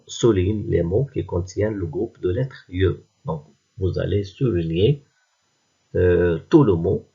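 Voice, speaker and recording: A man teaching a reading lesson to young pupils, patient and pronouncing each word slowly one by one. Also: deep voice, husky, dull audio. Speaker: primary school teacher.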